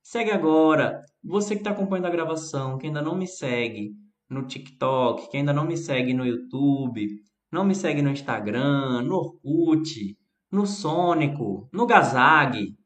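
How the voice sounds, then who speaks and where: A mid-range, slightly mellow voice at moderate pace leads a chatty live-streamed English lesson, the man speaking with a Brazilian Portuguese accent. Viewers get answered by name, and the sound has a roomy echo.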